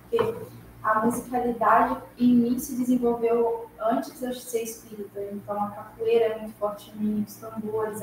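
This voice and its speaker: A woman's voice: a little high, darkish tone. A woman in a spiritist study class, earnestly telling her own experience, recorded far off in a hall. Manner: earnest, recounts personal experience. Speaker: class participant. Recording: echoey room from far off, faint hiss.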